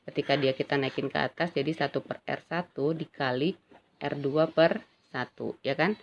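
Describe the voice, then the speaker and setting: A woman's voice: low voice, moderate pace. A woman physics teacher gives a casual classroom lecture, chatty and checking in with her students often. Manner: chatty, addresses students as "Nak", frequent "ya kan". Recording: dull lo-fi recording with faint ambient noise.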